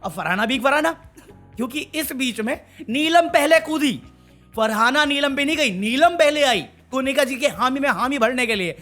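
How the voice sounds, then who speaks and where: High-voiced man ranting about a reality show. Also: moderate pace, soft background music. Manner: animated, mocking, switches to English phrases. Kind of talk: heated casual commentary.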